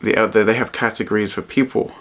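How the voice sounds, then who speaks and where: Guy with a lowish voice doing a personal vlog, earnest, kinda halting, repeats himself. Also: steady tone, fairly bright tone. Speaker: vlogger. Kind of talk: personal vlog to camera, reflective talk.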